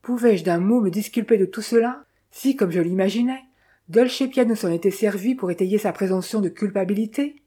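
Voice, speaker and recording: A woman reading a mystery novel aloud in measured, dramatic first-person narration. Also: mid-range voice, dark tone, breathy edge. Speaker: audiobook narrator.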